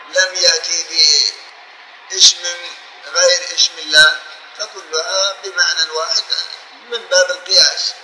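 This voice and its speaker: A man's voice: fairly high pitch, bright, forceful tone, reverberant, a little hiss or hum, rough recording. A man giving a religious law lesson, explaining patiently and drawing out example phrases to illustrate them. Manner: explains slowly, repeats and drawls examples to show them. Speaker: teacher of Islamic law.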